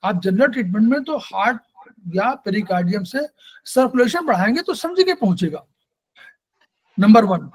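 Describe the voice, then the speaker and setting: A man with a strikingly high voice leads an acupressure lesson, answering students and going over points again and again. He slips English technical terms into his speech. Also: animated, moderate pace, pauses often, a little mellow, low-quality recording. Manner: explains in plain terms, repeats points, Hindi mixed with English terms. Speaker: acupressure teacher. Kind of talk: classroom Q&A on acupressure.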